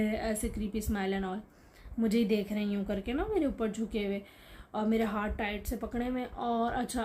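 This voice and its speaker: A young woman telling her own horror story to camera in a casual vlog, animated and explaining as she goes, her voice climbing high when she relives the fear. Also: a little hiss or hum. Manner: explains with gestures, frequent "theek hai" check-ins.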